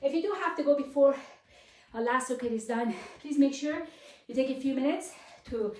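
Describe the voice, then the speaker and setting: A woman's voice: high-pitched, normal speed, warm tone, a little hiss or hum. A woman working as a fitness instructor, leading a live workout class with encouraging urging, short commands and counts. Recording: roomy echo, distant microphone.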